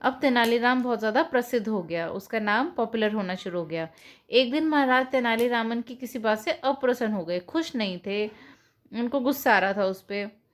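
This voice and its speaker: A woman's voice: on the high side, expressive, moderate pace. A woman, teaching children by retelling a story and explaining it in simple words.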